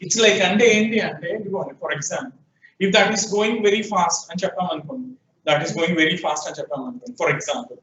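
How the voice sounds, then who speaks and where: A man's voice: on the high side, moderate pace, fairly bright tone. Telugu-accented man lecturing in an echoey classroom. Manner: questioning students, prompting answers. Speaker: programming teacher. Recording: echoey room, distant, dull lo-fi sound.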